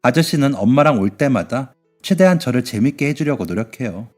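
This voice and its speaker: A man reading a scripted first-person story in a soft, emotional way. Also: mid-range voice, lively intonation, a little fast. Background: faint music.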